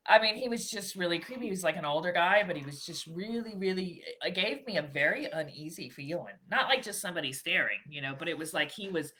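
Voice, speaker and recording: A woman co-hosting a casual morning chat show, telling stories in an animated way and chiming in often. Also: lowish voice, fast talker, hardly any pauses. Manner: animated storyteller, chimes in often.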